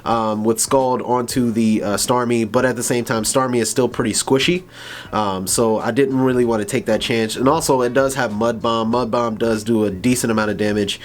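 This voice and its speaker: A man's voice: medium pitch, fairly even intonation, moderate pace. A young man giving casual, rambling commentary over a video game battle, laughing and stumbling over his words now and then. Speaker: gaming YouTuber.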